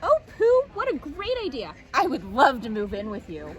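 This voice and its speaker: A woman voicing a fussy, bossy male rabbit in a children's story, brisk and exclamatory. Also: high-pitched, wildly swooping pitch, lo-fi sound. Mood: delighted. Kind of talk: children's storybook character reading.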